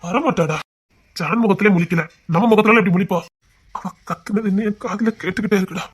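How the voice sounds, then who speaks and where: A man's voice: sits high, quick pace, breathy edge. A man in a Tamil audio drama voicing a remorseful husband and worried family man who speaks earnestly and pleads. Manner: pleading, earnest, heavy with regret.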